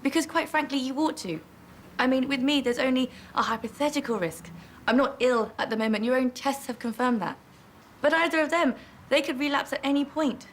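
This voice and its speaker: A woman's voice: sits high, fairly quick, a little hiss or hum, natural voice. A woman playing a determined junior doctor in a TV hospital drama, pleading her case in an earnest, insistent way. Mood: insistent, challenging. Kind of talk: scripted TV drama dialogue.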